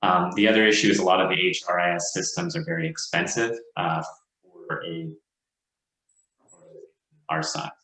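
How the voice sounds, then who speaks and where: Deep-voiced man, call audio cutting out. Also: bright, forceful tone. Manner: halting, many fillers. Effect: video call audio cutting in and out. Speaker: manager giving a report at a board meeting. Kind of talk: meeting report. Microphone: computer on a video call. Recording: echoey room over a choppy video call.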